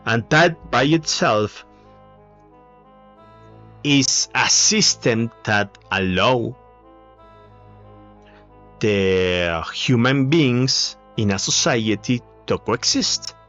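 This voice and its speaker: Spanish-accented man, second-language English, slow and halting with lots of "uh", solo talk on a dull lo-fi mic over faint music. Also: mid-range voice, expressive, a bit bright. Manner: halting, many fillers and restarts. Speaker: video essayist. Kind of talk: casual monologue.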